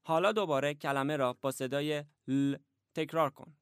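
Guy reading out a language lesson, smooth resonant voice, bit higher pitched, calm and measured. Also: no echo, clean studio sound. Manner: measured, even, instructive. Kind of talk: scripted instruction.

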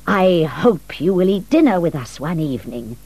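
A woman voicing a small, frank old Italian mother in a storybook reading, gently spoken. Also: fairly low pitch, big pitch swings, normal speed, faint music behind. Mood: warm.

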